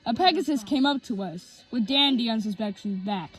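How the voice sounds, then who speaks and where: A woman reads her own homemade story aloud, stopping and restarting now and then. Her voice sits high and moves a lot in pitch, with faint music behind. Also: lively intonation, a bit bright. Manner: halting, with restarts.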